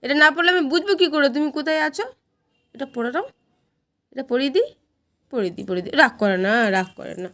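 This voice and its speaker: Casting note: a woman, a fairly high voice, cooing baby talk to a pet. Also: big pitch swings, fast, pauses often, a bit bright. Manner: coaxing, cooing, repeating words. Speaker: vlogger talking to her pet rabbit.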